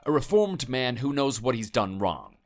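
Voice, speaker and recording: In a skit, a man plays a stern, menacing husband who lectures and threatens his neighbor. His voice swings widely in pitch as he scolds at a normal speed, with faint music underneath.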